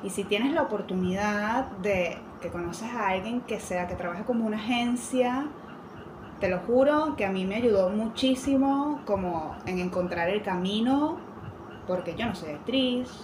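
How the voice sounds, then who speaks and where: A woman's voice: mid-range voice, unhurried, roomy sound, background noise. A young woman with an Argentine-influenced accent, chatting as a podcast guest, full of fillers. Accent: Argentine-influenced Spanish. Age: young adult. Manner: chatty, fillers like "o sea" and "tipo". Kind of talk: casual chat.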